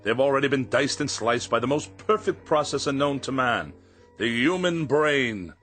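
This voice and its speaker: A man's voice: mid-range voice, animated, moderate pace, fairly bright tone, faint music behind, natural voice. A man acting in a radio drama as a haughty, fussy gourmet writer, wordy and emphatic, lonely and fearful underneath. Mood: haughty, irritated.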